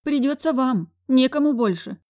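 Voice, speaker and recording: A woman's voice: expressive, moderate pace, darkish tone. A woman putting on a panicked, pleading woman. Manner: pleading, high and agitated. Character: panicked, tearful middle-aged woman.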